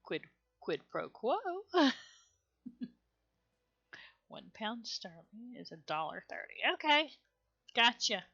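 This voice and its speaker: A woman with a Southern accent rambles through a game stream in an unhurried drawl, muttering to herself as she goes. Her voice has a bright, forward edge, heard over a dull, lo-fi stream recording. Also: a little high, very animated, creaky. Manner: chatty, rambling, mutters to herself, laughs often. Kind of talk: casual gameplay commentary.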